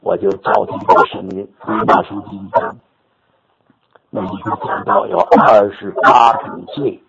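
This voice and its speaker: An older man preacher telling a story in his sermon, animated and repetitive, rising to sudden high exclamations. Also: unhurried, creaky, a crowd in the background. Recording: dull lo-fi recording with audience noise.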